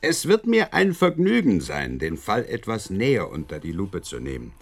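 A man's voice: low voice, wildly swooping pitch, moderate pace, vocal fry, full character voice. An actor in a German radio drama playing Inspector Lestrade, a courteous, wordy and faintly envious policeman with a confiding manner. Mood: obliging.

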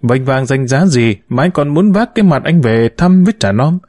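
A man's voice: medium pitch, animated, moderate pace, dry recording, clean studio sound, lightly acted. A man voicing a bitter, wounded middle-aged mother who reproaches and laments to her son in an audiobook story. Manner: reproachful, lamenting, sharp-tongued.

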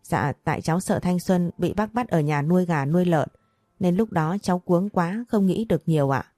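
A woman voicing a respectful, earnest young man who speaks politely and pleads calmly. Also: on the low side, moderate pace, dry recording, clean studio sound, close to an everyday voice. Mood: explaining.

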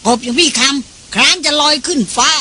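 Reader doing cheeky young porter dude, teasing, kinda high, audiobook. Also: a little fast, pushed and bright.

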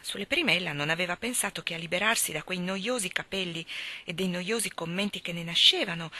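Bright-voiced woman reading a novel aloud. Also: lowish voice. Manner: measured, expressive narration. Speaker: audiobook reader. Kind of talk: literary reading.

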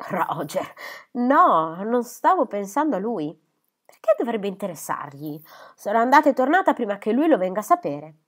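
A woman voicing a lively, impulsive young woman in a storybook reading, eager and quick to brighten. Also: mid-range voice.

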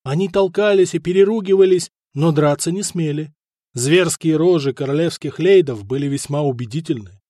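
A man reads an audiobook in a steady storytelling manner. His voice sits a little high, and the recording is close and dry. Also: moderate pace, dry recording. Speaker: audiobook narrator. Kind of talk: scripted narration.

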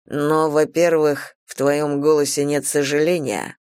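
A woman voicing an arrogant male god in an audiobook, speaking slowly and low with a mocking, teasing edge. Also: little pitch movement, darkish tone, clean tone, no room sound, clean studio sound. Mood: stern. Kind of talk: audiobook character voice.

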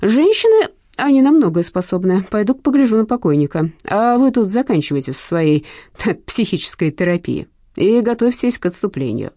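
Audiobook figure: blunt, suspicious older man, warm-toned and animated; a woman reads him. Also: medium pitch, brisk, dry recording, studio quality, voice pushed up. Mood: skeptical. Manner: suspicious, curt.

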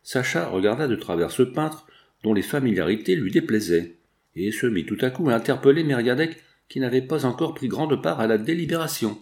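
A man reading a classic novel aloud as an audiobook in a steady narration. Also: medium pitch, fairly quick. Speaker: audiobook reader. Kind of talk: scripted narration.

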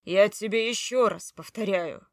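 A stubborn grown husband, gruff and insistent, his voice pushing hard and loud, as a woman puts him on. Every word comes through close and dry, with no room around it. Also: fairly low pitch, steady tone, unhurried, no echo, close to an everyday voice. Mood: growling.

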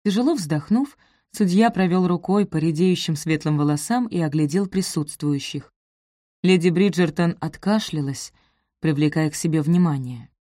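Low-voiced woman reading a novel aloud. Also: moderate pace, no room sound, studio quality. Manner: expressive reading, voices each character. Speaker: audiobook narrator. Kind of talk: audiobook narration.

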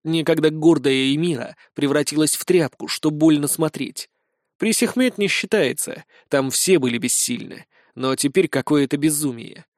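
A man reading a first-person fantasy audiobook in a measured storytelling manner. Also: on the high side, dry recording, studio quality. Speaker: audiobook reader.

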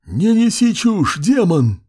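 A man voicing a furious female abyss monster, once a witch, screaming drawn-out threats in an audiobook. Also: high-pitched, big pitch swings, darkish tone, slightly rough, pitched above the performer's own voice, exaggerated voice. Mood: enraged. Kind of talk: audiobook character voice.

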